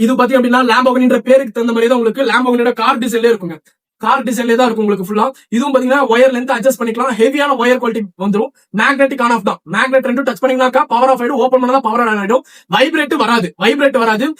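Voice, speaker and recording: A man from Tamil Nadu who runs a shop, chatting rapidly through a product demo and sales pitch and often checking with viewers. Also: fairly bright tone. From Tamil Nadu, India. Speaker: shop seller presenting products.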